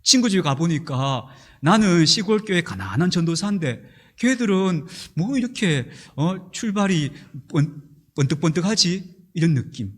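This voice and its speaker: Middle-aged pastor guy preaching in church, high voice, swings up and down a lot. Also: normal speed. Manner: animated storytelling, acting out angry outbursts. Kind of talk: sermon.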